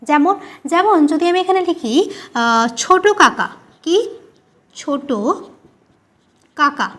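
A high-pitched woman teacher, leading a grammar lesson. She spells out key terms slowly and repeats them. She asks questions and then answers them herself. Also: expressive, fairly bright tone.

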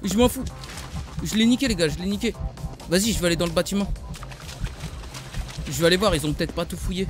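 A man's voice: high voice, fast talker, long pauses. A man with a French accent commentating his own gameplay, trash-talking opponents and talking to his viewers. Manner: trash-talking, excitable, calls viewers "les gars". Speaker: gaming YouTuber. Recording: music playing behind the voice.

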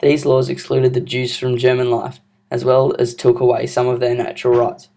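A man's voice: medium pitch, completely flat delivery, moderate pace, creaky, warm tone. A young man narrating a school history project in an earnest, scripted reading. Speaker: student narrator.

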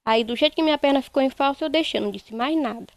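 A young woman, giving a halting, repetitive first-person account in a news interview. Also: high voice, no echo. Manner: halting, repetitive retelling, quoting others. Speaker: interviewee, bereaved mother.

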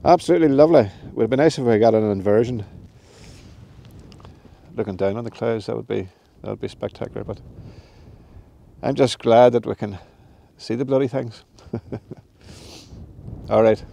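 A creaky, warm, medium-pitched male voice speaks at normal speed with long pauses. The speaker, an outdoor vlogger in his fifties, chats to a phone camera at arm's length atop a windy mountain, laughing often and teasing himself. It's a casual vlog to camera.

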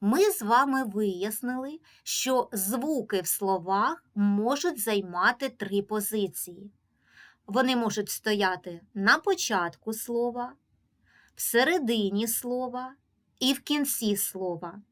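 A woman teacher with a Ukrainian accent leads a reading lesson for young children at an unhurried pace. Her voice sits a little high, and she speaks with patient, clear instruction. She draws out each example word slowly so the children can follow. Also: fairly bright tone. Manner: slow, drawn-out pronunciation of example words.

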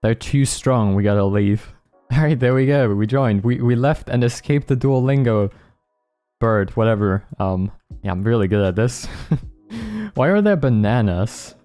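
A man talks through his gameplay in a relaxed, mellow voice, laughing often and poking fun at his own mistakes. He keeps apologizing to the players he beats. Quiet background music plays under his desk-mic commentary. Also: medium pitch, unhurried, dry recording. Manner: laughing, apologetic, self-mocking. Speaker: gaming YouTuber.

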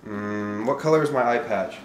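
A man with a nasal voice, chatting and joking casually while playing a party game, quick to swear and get excited. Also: lowish voice, a little hiss or hum. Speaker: gameplay video host. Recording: roomy with game music behind.

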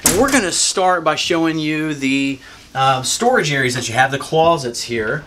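A man's voice: fairly high pitch, lively intonation, moderate pace, fairly bright tone. A man in his forties, hosting a chatty, upbeat room-tour vlog inside a small ship cabin, recorded on the camera mic. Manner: upbeat, chatty, guiding the viewer around. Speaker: cruise vlog host.

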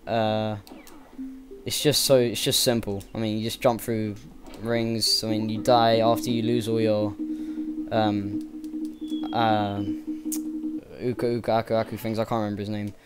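A young man talks over a game in a loose, rambling commentary. His voice sits a little low, and his excitement comes through in frequent swearing and gushing praise. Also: measured pace. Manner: rambling and enthusiastic, swears freely. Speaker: let's play gamer. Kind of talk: casual gameplay commentary.

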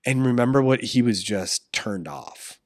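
A man's voice: medium pitch, unhurried, no room sound, clean studio sound. A man in his thirties co-hosting a podcast, telling a family story in casual chat and acting out what people said. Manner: animated storyteller, acts out quotes. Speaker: podcast co-host.

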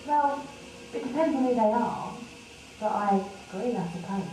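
A woman's voice: a little high, animated, moderate pace, far from the mic, music in the background, natural voice. A woman voicing a shy young virtual human who answers interview questions hesitantly in a research setting. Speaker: interviewee in a study. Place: research VR room. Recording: echoey room, heard from afar, noisy.

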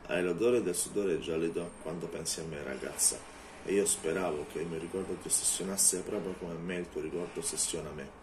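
Man putting on a low menacing vampire. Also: brisk, background noise, lightly acted. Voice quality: low, hushed and threatening. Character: menacing male vampire, cold and contemptuous.

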